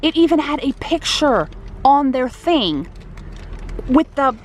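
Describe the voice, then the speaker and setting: A woman's voice: high-pitched, big pitch swings, measured pace. A middle-aged woman chatting casually as a vlogging mother, coaxing and repeating instructions as if to a child. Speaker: mother vlogging with her son. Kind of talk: casual vlog chat. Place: inside a car.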